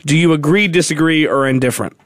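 A man's voice: a little high, fast talker, no echo. A man hosting a sports radio talk show from the studio, chatting casually and rambling as he thinks aloud.

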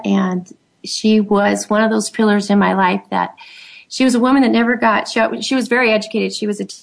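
A middle-aged woman, the guest on an interview show, speaking in a heartfelt and halting way, with many fillers. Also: medium pitch, creaky. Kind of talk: emotional personal conversation.

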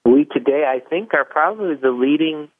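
A man's voice: a little high, normal speed, no echo. A man, a company founder, telling a folksy story in an interview and acting out both sides of the conversations he recalls. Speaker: chocolate company founder, guest. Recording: dry, tinny phone line.

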